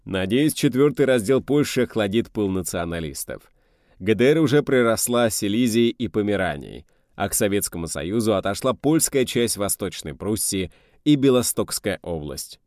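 A man playing a calm Soviet leader speaking. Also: lowish voice, dry recording, studio quality, close to an everyday voice. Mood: steady. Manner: measured, speechmaking. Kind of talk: audiobook reading.

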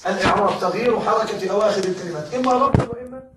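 A man's voice: high-pitched, rapid-fire, heavy background noise. A male grammar teacher giving a classroom lesson, often stopping to ask whether the students follow. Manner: keeps checking students follow, with repeated questions. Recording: echoey room, voice from far off.

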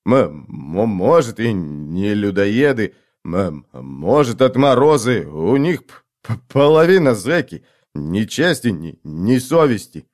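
A man's voice: on the low side, very animated, takes it slowly, a little mellow. A man voicing a skinny, timid young man who talks with a heavy, hesitant stutter. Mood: timid, stammering.

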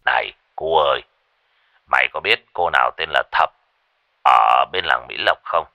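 A man voicing an old male exorcist master with a gruff, halting manner, in a told ghost story. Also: rumbling low, pushed and bright, dry recording, pitched below the performer's own voice, full character voice. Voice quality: gravelly, halting.

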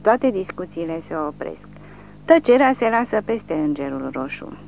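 A woman with a very low voice narrates an audiobook in a steady, vivid way. The recording sounds dull and lo-fi. A faint hum and hiss sit beneath her. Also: creaky.

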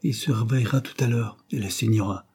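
A man's voice: fairly low pitch, fast talker, a little mellow, breathy edge. A man voicing a dutiful middle-aged lawyer who answers briefly and respectfully, in an audiobook reading. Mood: deferential. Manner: brief, deferential replies.

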